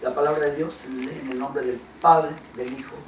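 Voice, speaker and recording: A man preaching a sermon. He reads scripture slowly and then explains it with questions to the congregation. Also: medium pitch, steady tone, echoey room, distant mic, slight background noise, rough recording. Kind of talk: sermon with Bible reading.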